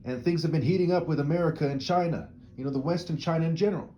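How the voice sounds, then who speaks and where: Quick and on the high side, this man's dark-toned voice comes through lo-fi audio with a little hiss or hum. Speaking solo to camera, the commentator rambles through his opinions rhetorically, checking in with "right?" and repeating words as he restarts.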